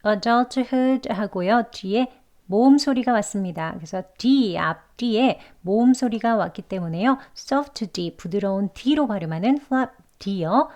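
A woman's voice: mid-range voice, slow pace, darkish tone. A woman teaching English pronunciation, carefully repeating words and example sentences syllable by syllable. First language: Korean. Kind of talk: pronunciation lesson.

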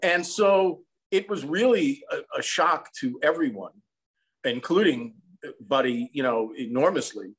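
A medium-pitched American man in his sixties, a songwriter and film composer, is interviewed over a video call from a small room at home. He tells anecdotes in a reflective, conversational manner, and the recording is rough.

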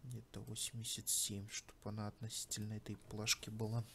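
A man hosting a casual screen-recorded tutorial, muttering and thinking aloud in a low-key way as he works. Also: monotone, fairly quick, gravelly, sharp tone. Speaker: tutorial host. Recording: faint background noise.

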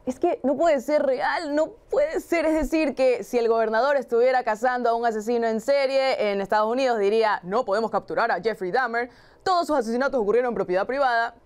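A woman's voice: a little high, a little fast, clean tone. A young woman presenting a student news show in a studio, mocking and ironic, on a lapel mic. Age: young adult. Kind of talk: scripted satirical news reading.

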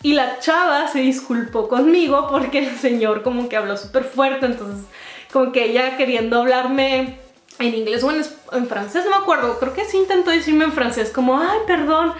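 A young woman with a Mexican accent, telling a casual storytime vlog in a lively, slangy way, laughing and acting out quotes. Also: sits high, normal speed, reverberant. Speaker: vlogger.

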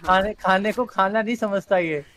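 High voiced dude in game voice chat, teasing his buddies nonstop. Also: moderate pace, fairly bright tone. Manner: teasing, demanding banter. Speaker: fellow player. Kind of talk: casual multiplayer game chat.

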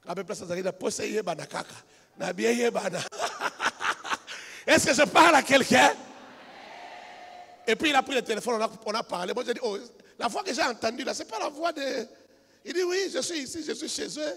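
A man preaching a sermon as a pastor, telling a story quietly and then building up to shouted, half-sung exhortation. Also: very high voice, lively intonation, fast talker, creaky. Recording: reverberant hall with music behind.

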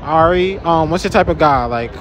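A man's voice: on the high side, animated, normal speed. A man interviewing people on a busy city street at night, playful and laughing, repeating their answers back, with his phone held out as a mic. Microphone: phone held to speaker. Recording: loud crowd noise around.

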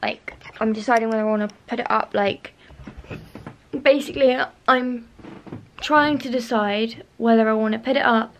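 A woman's voice: a little high, dull audio. A young woman in her bedroom talking to a handheld camera in a casual vlog, rambling, repeating herself and sometimes sinking to a whisper. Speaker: vlogger. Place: bedroom at home, indoors. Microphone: handheld camera close to face.

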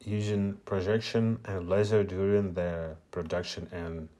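A media artist whose first language is Russian gives a hesitant screen-share tutorial in English at a meetup, full of filler sounds. His deep, mellow voice is flat and unhurried.

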